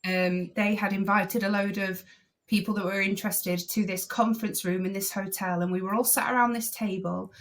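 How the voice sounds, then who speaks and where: A woman guest on a podcast, a driving instructor trainer, telling her story in a casual, animated way and acting out what people said. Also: medium pitch, normal speed, slight background noise. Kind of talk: casual interview chat.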